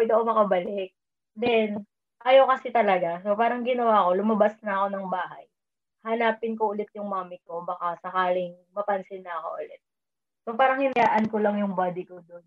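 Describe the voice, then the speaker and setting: A woman's voice: mid-range voice, a little fast. A woman casually telling a personal story, mixing English into her talk and raising her voice when she quotes herself. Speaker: storyteller sharing a dream experience. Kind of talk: casual chat. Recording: tinny phone-like line.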